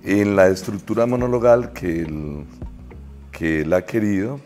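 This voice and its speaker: Theatre teacher guy, very low voice, calm explaining, faint music under. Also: a little slow. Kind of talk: explaining a workshop.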